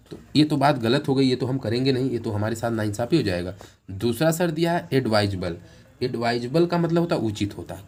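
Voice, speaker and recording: A man teaching an exam-prep lesson, explaining English words in Hindi with lots of repetition and reading the English questions slowly, word by word. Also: medium pitch, darkish tone. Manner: explains English words in Hindi, repeating each meaning, ends points with "theek hai sir".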